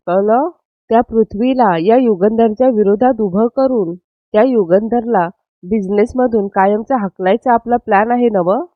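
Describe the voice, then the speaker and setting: A woman's voice: mid-range voice, no echo, close to an everyday voice. A woman voicing a scheming middle-aged male businessman who gives bossy, conspiratorial orders over the phone. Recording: dry, slightly dull lo-fi.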